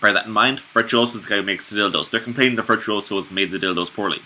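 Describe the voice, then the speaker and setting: A man's voice: on the low side, racing, pushed and bright. A man doing a stumbling cold read of a play, breaking off for casual, wry, foul-mouthed asides. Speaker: solo reader and commentator.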